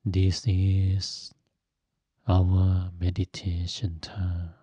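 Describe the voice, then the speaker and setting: A Buddhist monk and meditation teacher leads a guided meditation in a very slow, low, husky monotone. He instructs gently, one phrase at a time, leaving long pauses, and the recording is dry.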